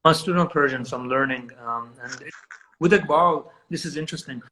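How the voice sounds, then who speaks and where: Speaking quickly in a slightly high, sharp voice, a man whose first language is Urdu explains things enthusiastically as a remote guest in a conversational interview, restarting often. The audio is poor, with slight background noise.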